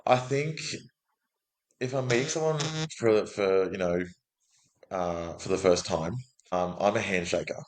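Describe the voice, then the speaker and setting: A man's voice: sits low, unhurried, pauses often, low-quality recording. An outgoing Australian man talking casually as a guest in an interview, with lots of restarts. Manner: chatty, outgoing, frequent restarts and acted quotes. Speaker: guest, business development manager.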